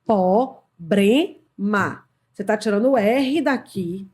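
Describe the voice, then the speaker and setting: Speaking a little fast in a fairly high voice, a Brazilian woman who works as an HR consultant shares a story as a guest on a podcast. Her Brazilian Portuguese accent comes through as she animatedly performs the quoted lines in the relaxed chat.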